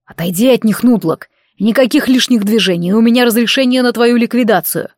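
A woman's voice: on the high side, fairly quick, darkish tone, no room sound, clean studio sound, lightly acted. A woman playing a stern werewolf officer. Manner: commanding, matter-of-fact.

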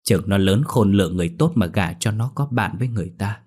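A male narrator doing the tearful ghost of a mother, tender and broken. The voice is low, husky, and soft, a little distant, as in a spoken horror tale. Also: fast talker. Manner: sobbing, pleading.

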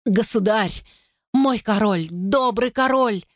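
A raw, high, shrieking old woman who begs and sobs, gripped by a burning sickness, as a woman reader puts her on. Her voice climbs well above the narrator's own, and the recording is close and dry, as in a storybook reading. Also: takes it slowly, dry recording. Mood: desperate pleading. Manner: shrieking, sobbing pleas.

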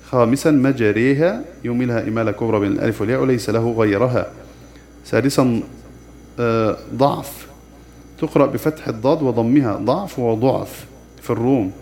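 A man teaching the rules of Quran recitation, explaining plainly with pauses of "aah" and slowing down to chant the verses he quotes. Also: mid-range voice, darkish tone, slight background noise. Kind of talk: tajweed lesson with recited examples.

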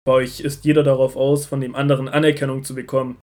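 An actor playing Jesus as a solemn, assured and authoritative teacher, preaching earnestly in an audio drama. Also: male voice, mid-range voice, little pitch movement, fast, darkish tone, lightly acted. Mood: earnest, admonishing. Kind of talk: audio drama Bible dialogue.

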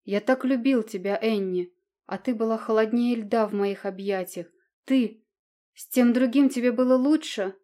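A woman's voice: mid-range voice, steady tone, fast, few pauses, a little mellow, lightly acted. A woman voicing a desperate, heartbroken young prince who pleads emotionally. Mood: anguished.

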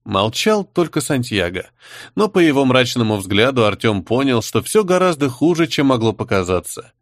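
A man narrating a fantasy audiobook in an expressive storytelling manner. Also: mid-range voice, moderate pace, no room sound, studio quality. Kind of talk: scripted narration.

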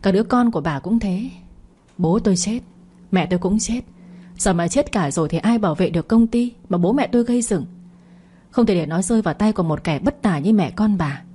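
A woman playing a cunning, defiant young man in a spoken story, taunting and mocking. The voice is darkish and slightly husky, and it moves fast. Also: mid-range voice, mellow, close to an everyday voice.

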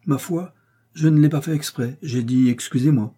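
A man's voice: medium pitch, lively intonation, normal speed, dark tone, breathy edge. A man reading an audiobook, voicing a hot-headed young male swordsman who speaks with impatience and indignation. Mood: flustered.

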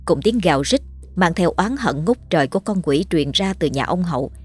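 A woman's voice: fairly low pitch, lively intonation, fairly quick, a little mellow, husky. A woman storyteller giving a dramatic, scripted horror narration. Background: faint music.

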